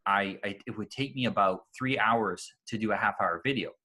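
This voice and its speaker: A man hosting an interview, explaining his thoughts in a steady, reflective way. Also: fairly low pitch, moderate pace. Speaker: interview host. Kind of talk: casual interview conversation.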